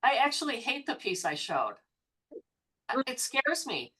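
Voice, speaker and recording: Woman artist on a video call, candid, bright sharp voice. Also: high voice, very animated, a little slow, husky. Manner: candid, confessional. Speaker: artist in an online discussion. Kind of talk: casual chat.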